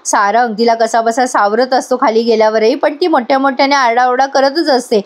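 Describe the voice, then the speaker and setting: A woman's voice: on the high side, fairly even intonation, fairly quick. A woman chattily retelling a TV serial episode, addressing viewers and laughing at scenes. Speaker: serial recap narrator. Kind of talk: chatty storytelling recap.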